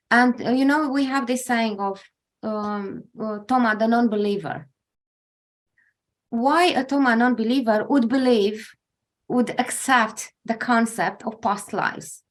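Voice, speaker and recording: A woman in her forties hosting a podcast interview, telling a story in a reflective, halting way as she searches for words. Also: on the high side. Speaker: podcast host.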